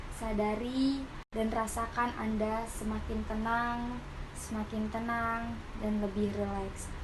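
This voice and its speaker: A woman guides a hypnosis relaxation like a hypnotist, with soothing, repeated suggestions. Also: a little high. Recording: clearly noisy recording with ambience.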